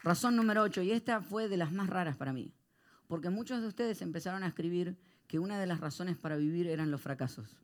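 A male pastor, preaching a sermon to a live congregation and swinging between hushed reflection and loud, animated storytelling. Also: high voice, quick pace.

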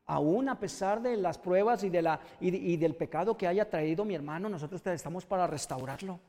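Pastor guy preaching, lots of stops and restarts, gets loud and fired up, church hall echo. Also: high-pitched. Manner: halting with frequent restarts, rising to loud impassioned preaching. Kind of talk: sermon. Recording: long hall reverb.

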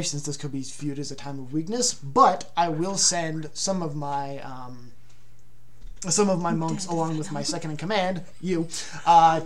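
A woman running a tabletop game as game master, improvising narration in a casual, halting, conversational way. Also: sits low. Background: other players talking and laughing.

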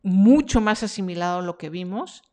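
A woman's voice: mid-range voice, lively intonation, moderate pace, warm tone. A woman hosting a live stream Q&A about her freelance workshop, reading viewer comments aloud in a chatty, encouraging way.

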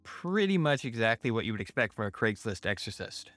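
A man's voice: fairly low pitch, big pitch swings, fairly quick, fairly bright tone, no echo, soft background music. A man narrating a scripted first-person horror story in a wry manner.

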